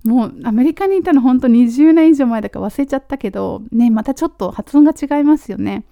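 A Japanese woman giving a casual spoken English lesson, repeating model phrases slowly, with Australian-flavored English. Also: fairly high pitch, gravelly, mellow, no echo, lo-fi sound. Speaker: English teacher for nurses.

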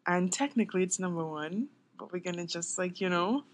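A young adult woman co-hosting a casual podcast, chatty and quick to laugh, trailing off with filler words. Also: lowish voice. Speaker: podcast co-host. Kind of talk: casual chat.

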